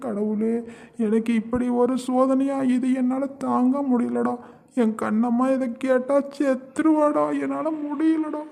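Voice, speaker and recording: Cartoon role: a performer playing a devastated middle-aged dad, high and gravelly, wailing. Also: dark tone. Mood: anguished. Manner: sobbing, lamenting, creaky high voice. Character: grieving middle-aged father, heartbroken and wailing. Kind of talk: cartoon drama voice acting.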